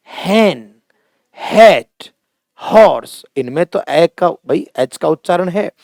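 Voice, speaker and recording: A man's voice: a little high, no room sound, studio quality. A middle-aged man teaching a classroom lesson at a board, speaking with a Hindi accent, drawing out words to stress how they sound and calling his students fondly by family terms. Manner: slow, emphatic, drawn-out words when stressing pronunciation; addresses students fondly as "beta" and "bhaiya".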